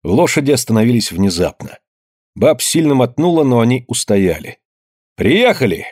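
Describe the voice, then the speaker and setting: A man narrating an audiobook in a measured, grave storytelling manner. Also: medium pitch, very animated, a little mellow, no echo, clean studio sound. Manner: measured, grave storytelling, slowing at somber moments.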